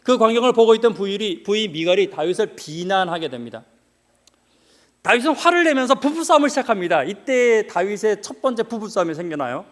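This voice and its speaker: Guy preaching in a church, pretty high voice, bounces all over, asks the crowd stuff, jokes around. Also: a little fast. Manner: lively, questions the congregation, jokes. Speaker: pastor. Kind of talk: sermon. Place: church hall. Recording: reverberant church hall.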